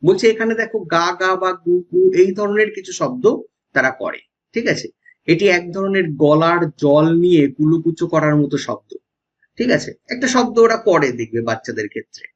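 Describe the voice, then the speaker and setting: Male exam-prep teacher with a West Bengal Bengali accent, husky and fairly high, keeps asking "okay?", muffled lo-fi audio. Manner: explanatory, often checks with "ঠিক আছে?". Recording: dull lo-fi sound.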